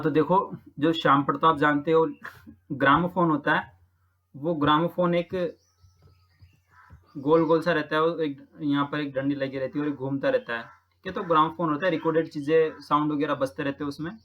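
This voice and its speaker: A man's voice: a little high, fairly even intonation, moderate pace, fairly bright tone, dull audio. A man from Rajasthan who teaches, patiently talking through practice exam questions and repeating each answer with frequent check-ins. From Rajasthan, India.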